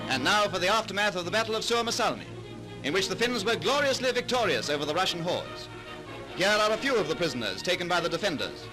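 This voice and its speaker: A man narrates an old wartime newsreel in a dramatic, emphatic announcer style. His voice sits high and rises and falls widely as he rushes through the lines. Music plays clearly beneath him. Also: big pitch swings, low-quality recording.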